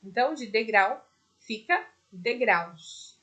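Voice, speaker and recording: A woman's voice: on the high side, animated, slow, a bit bright. A woman teaching a primary school class in a recorded video lesson, with a Brazilian Portuguese accent, patiently explaining each step.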